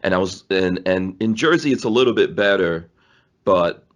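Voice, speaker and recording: A man's voice: deep voice, normal speed. A man in his forties, born in Guyana and raised in New York City, rambling through stories as a podcast guest, with frequent laughs. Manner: rambling, laughs often, restarts. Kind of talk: casual storytelling interview.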